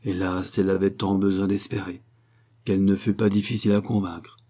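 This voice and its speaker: A man narrating a novel in a measured, expressive reading. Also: sits low. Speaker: audiobook narrator. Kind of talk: scripted narration.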